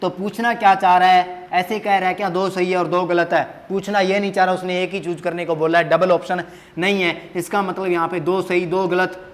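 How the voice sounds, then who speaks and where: A man's voice: sits high, flat delivery, fairly quick. A man teaching Hindi grammar at a board, asking questions and answering them himself, repeating key words with emphasis, in an echoey classroom.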